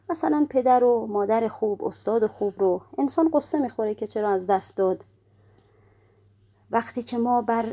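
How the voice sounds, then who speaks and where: Woman giving a calm religious lecture. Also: fairly high pitch. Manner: explanatory, poses rhetorical questions and answers them; slows down to recite prayer quotations.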